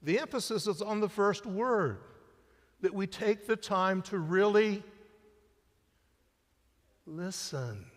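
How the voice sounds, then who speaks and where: A middle-aged male pastor delivers a conversational sermon in a sanctuary, his somewhat high voice swelling and then falling to a near hush on the words he wants to land. The live-streamed sound trails off in the long reverb of the church hall. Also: measured pace. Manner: conversational preaching, rising and dropping to a hush for emphasis. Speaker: senior pastor. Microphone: church sound system mic.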